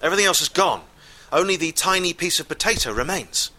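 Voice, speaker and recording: A man telling a comic story live, wry and exasperated, with deadpan asides. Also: a little high, fast.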